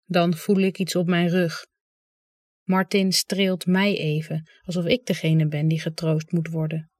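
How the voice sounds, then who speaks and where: Calm understated audiobook reader. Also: medium pitch, a little slow, dry recording, studio quality. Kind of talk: first-person literary narration.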